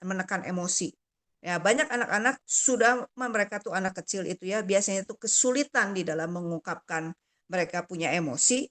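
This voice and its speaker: A woman's voice: medium pitch, a bit bright. A woman from Indonesia giving an explanatory talk on emotional health, conversational, with frequent tag questions.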